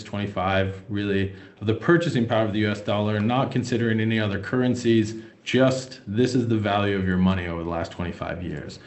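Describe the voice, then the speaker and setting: A young American man, a wealth manager, presents a finance webinar in a fairly low voice with a roomy sound. He's hesitant, using many fillers and restarting often.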